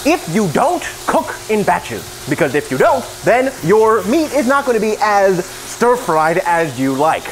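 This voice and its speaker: High-pitched drunk man rambling through a cooking tutorial. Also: sing-song, a little slow, hardly any pauses, rough recording. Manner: rambling, joking asides, self-deprecating. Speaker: cooking video host. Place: home kitchen while cooking. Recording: sizzling pan and kitchen noise.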